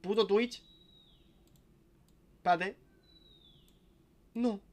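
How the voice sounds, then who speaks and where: Chatty young streamer, higher voice. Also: male voice, steady tone, drawn-out words, a little mellow. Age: young adult. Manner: chatty, swearing, restarting sentences. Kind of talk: casual live-stream chat.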